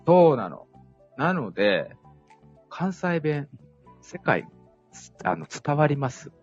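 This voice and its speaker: Husky lively Kansai man. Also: a little high, slow, dry recording. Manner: lively, laughing, storytelling with dialect. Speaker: guest liqueur maker. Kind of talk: casual live chat. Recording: dull lo-fi live stream with faint music.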